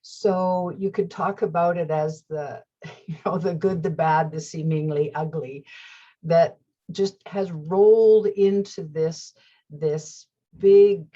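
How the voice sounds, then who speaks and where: A woman hosts her own reflective show, taking her time over each thought. Her voice sits fairly low and has a husky edge. The audio sounds a little dull and lo-fi. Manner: slow, gentle and earnest, with soft laughs and whispered asides. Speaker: host. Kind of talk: reflective talk-show monologue.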